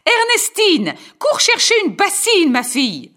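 A man voicing a harsh, scolding mother in a storybook reading, shrill and theatrical. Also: wildly swooping pitch, measured pace, sharp tone, exaggerated voice.

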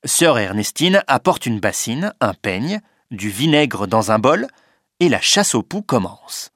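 A man narrating a storybook reading in a lively, expressive way. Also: medium pitch, a little slow, no echo, studio quality.

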